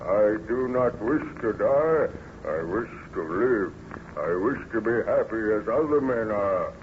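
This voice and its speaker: A man's voice: fairly low pitch, animated, measured pace. A man playing a lonely, bitter, menacing monster in an old-time radio horror drama, with solemn, declamatory delivery. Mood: pleading. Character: lonely, bitter, menacing male monster who learned to speak. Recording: muffled, noisy vintage radio recording.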